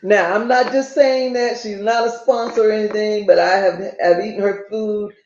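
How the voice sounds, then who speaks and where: A woman's voice: mid-range voice, fairly even intonation, normal speed, a little mellow. An older woman hosting a podcast, chatty and enthusiastic, repeating her points for emphasis. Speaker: podcast host. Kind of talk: casual interview chat. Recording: roomy, dull lo-fi sound.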